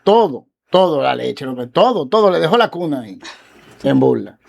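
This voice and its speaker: A man, a guest lawyer on a talk show, telling a case story in a casual, animated way and acting out the quoted dialogue. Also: on the high side, moderate pace, vocal fry.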